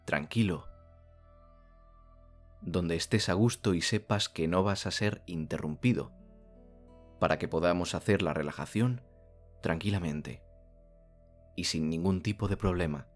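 A man from narrates a soothing guided sleep meditation like a bedtime story narrator, speaking calmly in slow phrases with long pauses. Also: deep voice, faint music behind.

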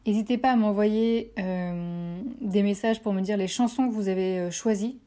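Mellow-voiced French woman podcaster. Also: mid-range voice, normal speed. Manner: encouraging, repeats phrases for emphasis; addresses listeners directly. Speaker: podcast host. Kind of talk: motivational podcast talk.

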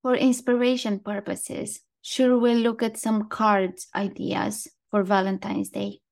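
A woman's voice: medium pitch, little pitch movement, takes it slowly, creaky, darkish tone. A woman co-hosting a casual podcast, talking in an easy chat and reading quotes aloud. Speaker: podcast co-host.

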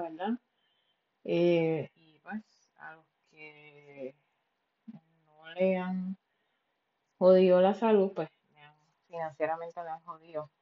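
A Puerto Rican woman with a lowish voice talks on her solo podcast in a loose, frank way. She swears often, fills pauses with "eh" and slips English words in. The recording sounds dull and a bit lo-fi. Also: a little mellow. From Puerto Rico. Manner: frank and profane, mixing in English words, many fillers. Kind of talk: casual solo podcast monologue.

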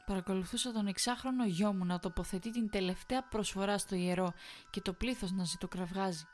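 A woman's voice: medium pitch, darkish tone, faint music behind. Woman narrating a horror story.

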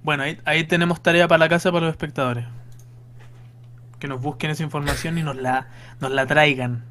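A man's voice: on the high side, fairly even intonation, fairly quick, fairly bright tone. A young man co-hosting a podcast, joking and mock-exasperated in casual chat. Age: young adult. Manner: playful, laughing, mock-exasperated. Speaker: podcast co-host.

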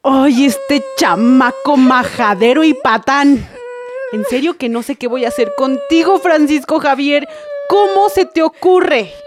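A woman playing a Mexican mother in a family skit with a high, bright voice. She is stern when the kids misbehave, then patient and gentle as she explains things to them. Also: measured pace. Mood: scolding.

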